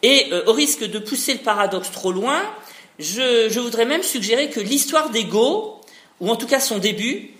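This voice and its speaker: Lively high-voiced man lecturing in an echoey room. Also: normal speed. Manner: discursive, frequent hein tags and restarts. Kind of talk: academic lecture. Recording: roomy echo.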